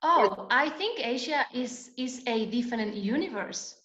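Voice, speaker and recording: A woman's voice: fairly high pitch, animated, a little slow, fairly bright tone. A woman from Spain with a Spanish accent, a guest educator talking hesitantly with many fillers in an online interview. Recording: echoey, dull lo-fi call audio.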